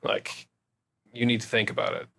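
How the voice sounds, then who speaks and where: Low, creaky west of Ireland man. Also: steady tone, normal speed, a bit bright. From Galway, west of Ireland. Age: 30s. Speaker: interview guest, YouTube creator and engineer. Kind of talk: casual interview chat.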